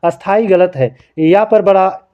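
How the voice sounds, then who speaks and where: Patient Hindi grammar teacher, dull lo-fi sound. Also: male voice, high voice, measured pace, clear, resonant tone. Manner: explains patiently, keeps calling listeners friends; asks questions and answers them himself. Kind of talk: spelling quiz lesson.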